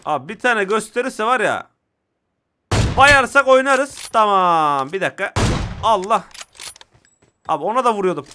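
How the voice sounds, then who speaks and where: A man with a Turkish accent giving excitable live commentary while playing a mobile shooter and talking to his viewers. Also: high-pitched, fairly quick, pauses often, background noise. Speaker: mobile game streamer.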